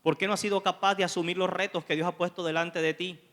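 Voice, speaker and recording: A man preaching a sermon as associate pastor, animated and acting out the scripture dialogue. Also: high-pitched, fast talker. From Colombia.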